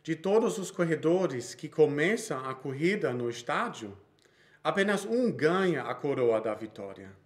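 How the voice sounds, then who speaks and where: Reading a sermon from his notes, this thirtysomething man speaks with a Brazilian Portuguese accent and keeps restarting in small ways. His pitch is slightly high.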